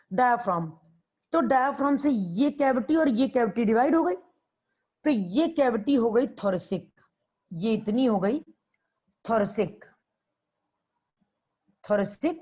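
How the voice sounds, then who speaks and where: A woman's voice: fairly high pitch, a little mellow. Woman biology teacher with a dull lo-fi sound. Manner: repeats key terms and quizzes students. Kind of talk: classroom lecture. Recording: dull lo-fi classroom recording.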